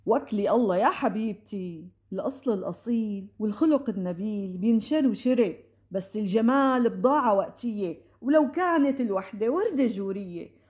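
A woman with a Syrian accent playing a chatty, meddling middle-aged matchmaker neighbor in a comic radio play, talking fast and theatrically over others. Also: mid-range voice, lively intonation, darkish tone, close to an everyday voice. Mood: playful. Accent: Syrian Arabic. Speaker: comic audio drama actress.

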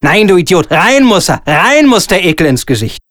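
A man reading aloud and voicing a pompous, bullying theatre director who swings between sugary coaxing and shouting. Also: on the high side, very animated, moderate pace, dry recording, studio quality. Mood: ranting, wheedling. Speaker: stage director. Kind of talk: solo reading of a comic radio scene.

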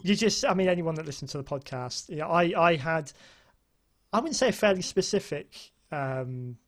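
A man's voice: fairly high pitch, expressive, moderate pace, a bit bright. A man with a southern British accent hosting a casual interview in a hesitant, rambling, enthusiastic way. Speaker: podcast host.

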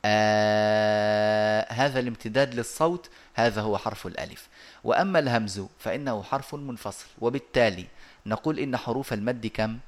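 A man teaching a lesson over a video call, explaining step by step and pausing often on drawn-out hesitations. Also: mid-range voice. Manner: measured and methodical, with frequent drawn-out hesitations.

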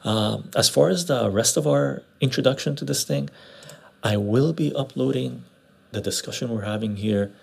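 A man with a gravelly, husky voice chatting casually as a livestream host, laid-back and repeating short phrases, recorded on a clip-on lapel mic. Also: medium pitch, moderate pace. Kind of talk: casual livestream chat, greeting viewers and reading comments. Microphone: clip-on lapel mic into external recorder.

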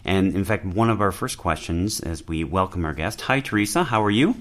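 A man's voice: low voice, expressive, fairly quick, fairly bright tone. A man hosting a podcast, introducing a guest and asking friendly, chatty questions. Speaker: podcast host. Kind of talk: casual podcast interview.

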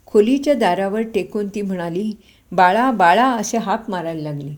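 A woman reading a short story aloud as a storyteller, in steady narration with the characters' lines spoken in quotes. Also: mid-range voice, moderate pace.

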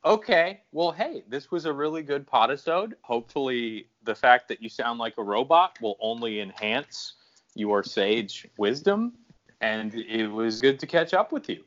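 A man's voice: medium pitch, expressive, measured pace, a bit bright. A man hosting a podcast in casual chat, joking and laughing as he talks. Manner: jokey and laughing. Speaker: podcast host. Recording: dull lo-fi sound.

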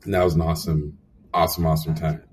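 A young man telling lively stories as a guest in a casual interview, acting out quotes with lots of fillers. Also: extremely low pitch, rapid-fire, slightly rough, distant mic. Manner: animated storyteller, acts out quotes, frequent fillers. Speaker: animation supervisor guest.

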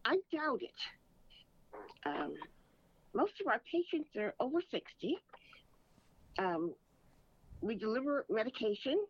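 A woman's voice: fairly high pitch, very animated, a little slow, long pauses, breathy edge, dull audio. A woman who owns a pharmacy, answering interview questions in a direct, plain way. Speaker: pharmacy owner, guest.

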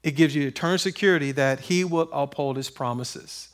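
High-voiced man preaching with call-and-response. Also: a little fast. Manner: call-and-response questions, rising to emphatic peaks. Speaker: pastor. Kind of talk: sermon.

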